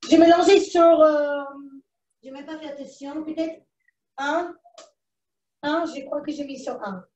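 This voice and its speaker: A woman's voice: sits high, a little slow, darkish tone, reverberant, distant mic, muffled recording. A woman with a foreign accent in French presents a live cooking demonstration from a kitchen, chatting to herself as she works. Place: kitchen, indoors.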